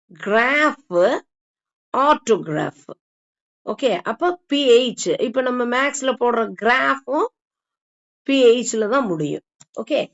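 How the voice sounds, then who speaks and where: Slow-spoken woman teaching pronunciation. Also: on the high side. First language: Tamil. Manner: slow, stresses and repeats example words. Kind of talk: classroom lesson explaining sounds in Tamil. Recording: dull lo-fi recording.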